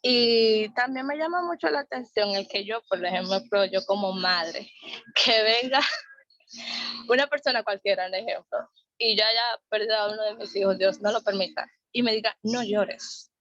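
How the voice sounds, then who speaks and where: A woman's voice: mid-range voice, moderate pace, a bit bright, no echo, lo-fi sound. A woman leading a Bible study, talking earnestly and repeating phrases for emphasis.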